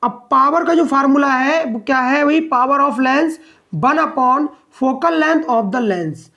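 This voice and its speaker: A man's voice: very high-pitched, bright, forceful tone. A male science teacher giving a classroom lesson. He asks the class questions and answers them himself, and he repeats key points so they stick. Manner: dictates notes slowly, word by word.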